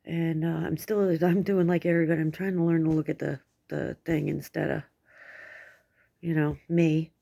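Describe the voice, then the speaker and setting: A woman's voice: low-pitched, level tone, moderate pace, creaky, dark tone. A middle-aged American woman with toothless speech, giving a rambling, candid personal update in casual, coarse words. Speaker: vlogger.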